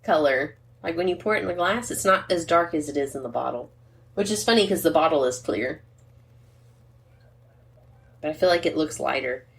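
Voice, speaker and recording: A woman's voice: sits low, expressive, normal speed, creaky, long pauses. A woman co-hosting a podcast in casual, rambling chat, reading a wine label aloud. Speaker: podcast co-host.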